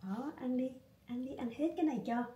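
A woman with a Southern Vietnamese accent chatting casually in a home cooking vlog, coaxing her dog in soft tones. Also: high-pitched, brisk, echoey room, distant mic, dull audio. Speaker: vlogger.

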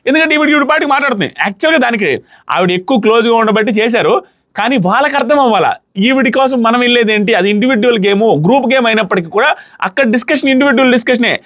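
Fast high-voiced man giving commentary. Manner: animated, argumentative, acts out quotes. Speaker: reality show commentator. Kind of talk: casual opinion commentary.

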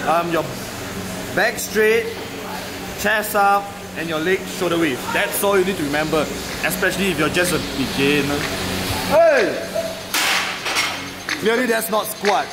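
High-pitched young male gym trainer. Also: normal speed, crowd noise, low-quality recording. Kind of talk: casual workout demonstration. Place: indoor gym. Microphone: handheld camera at a short distance. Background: loud music.

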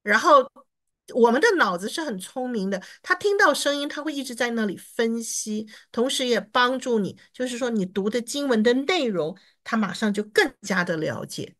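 A woman teaching an online reading class, encouraging her students and sounding out English words slowly. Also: on the high side, expressive, fairly bright tone. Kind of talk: online lesson.

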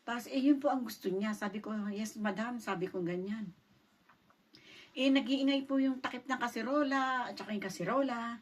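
A woman's voice: on the high side, brisk. A middle-aged woman from the Philippines tells a personal story in her vlog, polite and acting out the dialogue as she goes, picked up on a distant mic with faint noise. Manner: polite, retells events with quoted dialogue. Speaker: vlogger.

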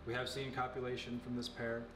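A young man in his twenties casually showing and explaining snakes in an indoor reptile room, relaxed and knowledgeable, with many fillers. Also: medium pitch, fairly quick, far from the mic, background noise. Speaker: facility owner giving a tour. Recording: echoey room, off-mic, music behind.

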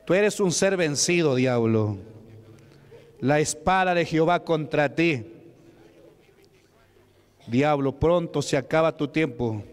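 A man's voice: a little high, clear, resonant tone. A man from Peru preaching as a deacon, commanding and rebuking at a deliverance service in a church. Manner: commanding, repetitive shouted rebukes. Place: church sanctuary. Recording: echoey church hall.

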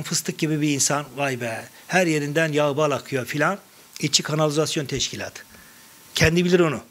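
A man's voice: fairly high pitch, fairly bright tone, slightly rough. A middle-aged man giving a public talk on Sufi poetry, telling anecdotes and quoting verses in a conversational way.

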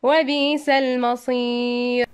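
High woman reciting in a slow chant. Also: flat delivery, clear, resonant tone. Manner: chanting, drawn out. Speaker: student reciter. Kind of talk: melodic Quran recitation.

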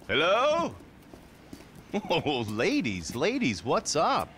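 A man's voice: fairly high pitch, wildly swooping pitch, slow, noisy background, exaggerated voice. An actor playing a smug, patronizing male federal agent in a video game cutscene. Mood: mocking. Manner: mocking, patronizing. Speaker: smug government agent character.

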